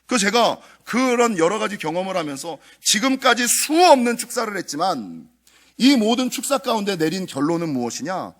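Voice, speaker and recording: A middle-aged male pastor preaching a dawn prayer sermon. His voice sits high for a man and leaps across a wide range as he tells the story. He brings the story to life by acting out the dialogue. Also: big pitch swings, brisk. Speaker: senior pastor.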